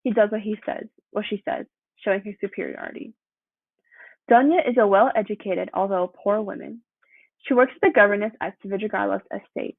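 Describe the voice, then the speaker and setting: A young woman reading a prepared student presentation aloud. She keeps a steady pace and sometimes stumbles and corrects herself. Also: mid-range voice, brisk, vocal fry, no echo. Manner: steady read-through with occasional slips and self-corrections. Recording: dry, tinny phone-like sound.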